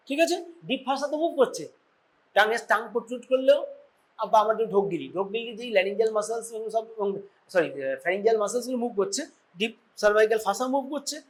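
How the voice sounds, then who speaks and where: A man with a Bengali accent giving an informal surgery lecture to medical students, often quizzing them and checking that they follow. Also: high voice.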